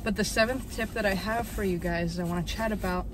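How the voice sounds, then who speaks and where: This woman in her twenties talks fast and steadily in a mid-range voice, in an echoey room with background noise. She's a fitness creator making a casual how-to vlog, chatting encouragingly and saying "literally" often as she gives beginners gym tips straight to the camera at close range. The setting shifts from gym to parked car to bedroom.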